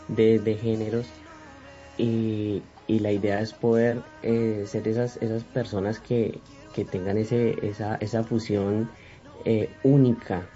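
Earnest young man, low dark voice. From Colombia. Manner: earnest and reflective. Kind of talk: interview answers. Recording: dull lo-fi recording.

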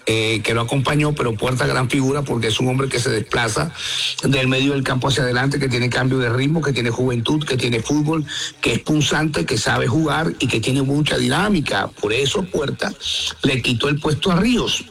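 A man's voice: mid-range voice, moderate pace, vocal fry, a bit bright. A man giving an opinionated live radio football report, addressing listeners directly. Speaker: radio sports correspondent.

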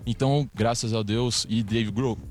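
A man's voice: medium pitch, fairly even intonation, unhurried. A young man in his twenties, a band's drummer, chatting as a guest on a radio show. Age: 20s. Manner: chatty, storytelling. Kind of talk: casual radio interview. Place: radio studio.

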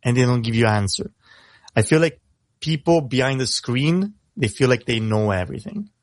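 Here the Italian rapper sounds animated in a medium-pitched voice, rattling off fast second-language English on a casual radio interview and repeating words as each thought begins. The recording is dry.

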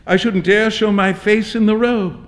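Man playing sulky, flustered young gentleman, high-pitched. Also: steady tone, normal speed, close to an everyday voice. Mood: embarrassed gloom. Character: naive, sulky, embarrassed young English gentleman. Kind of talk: dramatic literary story reading.

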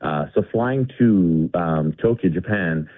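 A middle-aged Indian man with a deep, expressive voice calls in to a radio show from his home garage, speaking slowly over a tinny phone line with no room sound. His casual chat rambles, full of fillers and restarts.

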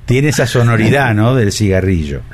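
A man's voice: fairly low pitch, lively intonation, moderate pace, a crowd in the background. A man with an Argentine accent hosting a casual interview, jovial and often repeating his phrases. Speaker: interview host. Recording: clearly noisy audio.

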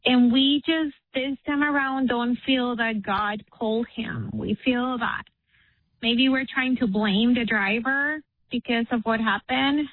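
A woman caller comes through a thin, tinny phone line that keeps dropping out, as if on Bluetooth or speakerphone. She speaks slowly and haltingly, with frequent fillers and restarts. The line sounds close and dry, and her voice sits slightly high. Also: steady tone. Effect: phone call that keeps cutting out, asked about Bluetooth or speakerphone. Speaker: radio call-in caller. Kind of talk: halting emotional call to a radio show.

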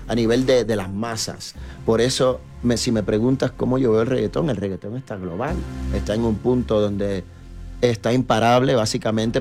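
A middle-aged man from New York in the United States, a reggaeton artist, chats casually as an interview guest. His medium-pitched voice is a little mellow, and he is easygoing, tells stories, and uses many fillers.

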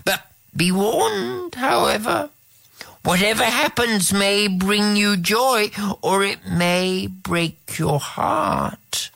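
A sly, unruffled female cat from a storybook, as the reader voices her, calm and clever. The delivery is slow and unhurried, with a voice that swoops widely in pitch. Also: creaky, exaggerated voice. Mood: coaxing. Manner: sly, composed. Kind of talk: storybook reading.

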